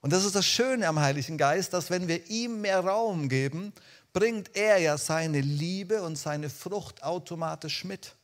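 A man with a fairly high voice preaches to a congregation in a church hall. He speaks to his listeners directly and with lots of energy, dropping to hushed, soft lines and then rising again to loud calls. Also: a little slow. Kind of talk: lively sermon.

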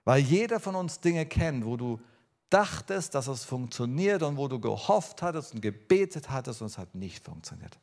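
A man preaching a sermon to his congregation, earnest and personal, swinging between emphatic lines and quiet ones. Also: medium pitch, big pitch swings, normal speed, vocal fry. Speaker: pastor.

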